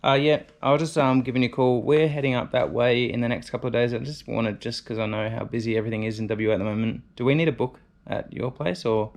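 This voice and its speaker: A man's voice: medium pitch, steady tone, quick pace, few pauses. A laid-back man, chatting casually and in slang as he presents a DIY vlog. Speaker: vlogger presenting a DIY video.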